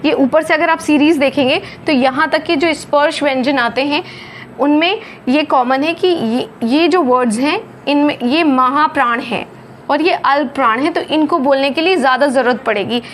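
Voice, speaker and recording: A woman teaching a phonics lesson, slowly over-articulating each letter sound. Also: sits high, slight background noise. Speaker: Hindi teacher.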